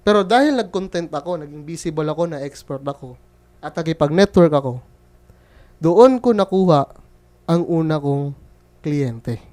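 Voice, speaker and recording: A man's voice: fairly high pitch, animated, moderate pace, long pauses, a little mellow. A young man from the Philippines, a freelance bookkeeper telling a story in a casual, joking vlog style. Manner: chatty, joking storyteller who quotes others.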